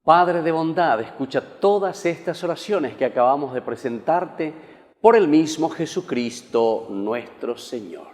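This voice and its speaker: A man's voice: on the high side, lively intonation, a little slow. A man, a priest, preaching a homily and leading Mass prayers in an earnest, solemn way, his voice carrying a cathedral echo. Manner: earnest preaching, solemn liturgical chant-like delivery. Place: large church. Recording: echoey church hall with long reverb.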